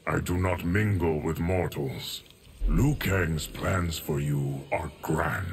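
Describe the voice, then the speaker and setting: Low and gravelly, this male voice belongs to an actor portraying a stoic, solemn guardian of time who never ages, for a video game. He speaks formally and with measured care, and soft music plays in the background.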